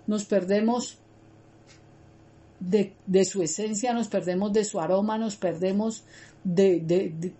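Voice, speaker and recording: A woman leads a Bible study in a mellow, warm voice, earnest and conversational. She repeats phrases for emphasis and keeps turning to talk straight to her listeners. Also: medium pitch. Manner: earnest, repetitive, addresses listeners directly.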